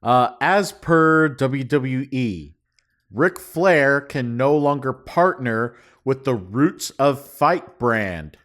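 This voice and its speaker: A man's voice: mid-range voice, animated, a bit bright. A man co-hosting a casual wrestling podcast, reporting news items with many hesitations. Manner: unhurried, hesitant with ums and uhs while reporting. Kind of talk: casual chat.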